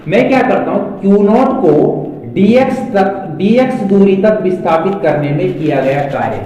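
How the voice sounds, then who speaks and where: A male physics teacher lectures a class in a high, mellow voice, stopping again and again to ask his students if they follow. He is picked up from a distance in a very echoey classroom with a long reverb. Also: a little hiss or hum. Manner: keeps asking the class questions to check understanding.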